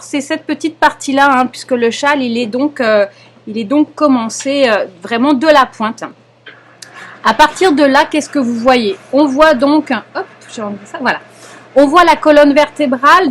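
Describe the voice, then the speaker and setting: A young adult woman with a French accent, patiently explaining a knitting lesson step by step, often pausing and checking in with her students. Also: sits high, a bit bright. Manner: patient, explanatory, frequent hesitations and checks "d'accord?". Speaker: knitting teacher. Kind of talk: live online knitting lesson.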